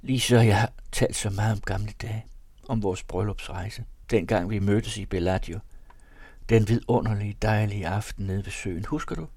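A man's voice: on the low side, fairly even intonation, darkish tone, husky, no echo, pitched above the performer's own voice. A man reading aloud, voicing a frail, fickle bedridden wife in a raised, pleading tone. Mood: longing.

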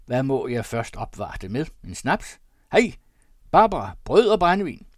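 A hearty old country pastor, voiced by a man, loud and raised in pitch, booming out teasing questions in a classic storybook reading. The sound is dry and close, with no room around it. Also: sing-song, no room sound.

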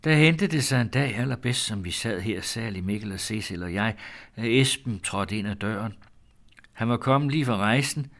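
Male storyteller, low-ish voice, measured, grave, reading aloud. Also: expressive, fairly bright tone. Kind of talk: reading an old-fashioned first-person tale aloud.

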